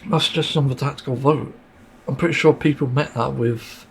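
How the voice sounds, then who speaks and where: Male podcast host, solo rant, irritated and sweary, hoarse-ish throat, light background hiss. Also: mid-range voice, steady tone, brisk. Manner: frustrated, swearing, many fillers and sighs. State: sore throat, mint in mouth.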